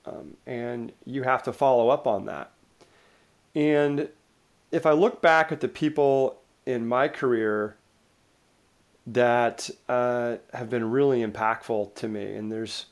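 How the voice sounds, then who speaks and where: A middle-aged man being interviewed who talks loosely, with frequent restarts and lively anecdotes. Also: medium pitch, unhurried, vocal fry. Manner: rambling, restarts often, lively storytelling. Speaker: interview guest. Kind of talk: casual conversational interview.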